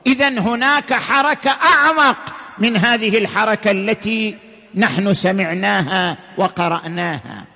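A man giving a sermon-style religious lecture, emphatic, slowing and rising on key words. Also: high voice, vocal fry, sharp tone, in a large hall.

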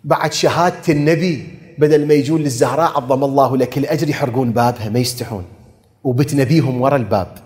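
A man's voice: mid-range voice, quick pace, darkish tone. A man with an Iraqi accent preaching an impassioned mourning sermon that rises into a chanted lament. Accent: Iraqi Arabic. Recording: echoey hall reverb.

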